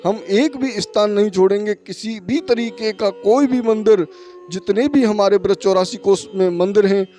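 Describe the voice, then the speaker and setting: A high-pitched man speaks urgently to his viewers as friends while filming a devotional pilgrimage vlog outdoors. He talks into a camera mic from a motorbike on a muddy road in the rain, with faint music underneath. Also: normal speed, mellow. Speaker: pilgrimage vlogger. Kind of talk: devotional travel vlog narration.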